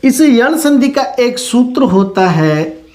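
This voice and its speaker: Slow, patient male teacher. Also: extremely high pitch, sing-song, a little mellow. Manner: poses questions to the class and answers them himself; patient, step-by-step explaining. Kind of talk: classroom grammar lesson.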